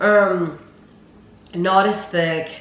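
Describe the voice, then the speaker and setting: A man with a high-pitched voice talks through a casual taste test. He sounds like a food reviewer chatting at a table. The room is echoey, with some noise behind him. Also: steady tone, very slow, fairly bright tone. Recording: roomy echo with clear background noise.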